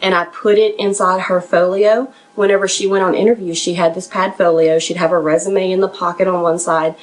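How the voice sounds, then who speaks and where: Brisk and level in tone, a woman with a lowish voice gives interview advice to her podcast listeners over a low-quality recording. As a professional resume writer and interview coach, she is plain-spoken and encouraging, though somewhat nervous.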